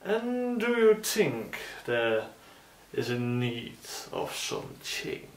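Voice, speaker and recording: A man's voice: mid-range voice, huge pitch swings, very slow, creaky, slight background noise, exaggerated voice. A man voicing a grandiose, theatrical male demon who makes pompous, dramatic proclamations. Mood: commanding. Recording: roomy echo.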